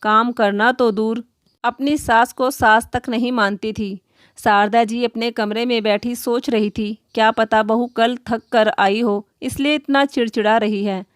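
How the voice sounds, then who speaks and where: A woman narrates a moral tale in a steady, even, read-aloud manner. Her voice sits fairly high. The recording is close and dry, with no audible room. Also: a little slow, clean tone, dry recording. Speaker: storyteller. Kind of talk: scripted storybook narration.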